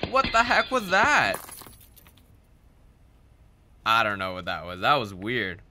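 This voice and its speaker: A man hosting a casual reaction video, excitedly exclaiming and puzzling over each clip. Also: fairly low pitch, moderate pace, background noise. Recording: background music under the voice.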